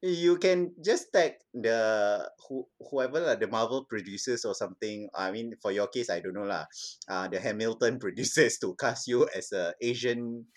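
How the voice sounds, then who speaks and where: A man's voice: fairly low pitch, normal speed, hardly any pauses. A man with a Singaporean accent chatting casually in Singlish as a podcast host. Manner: speaks Singlish, with particles like lah and walao. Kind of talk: casual chat.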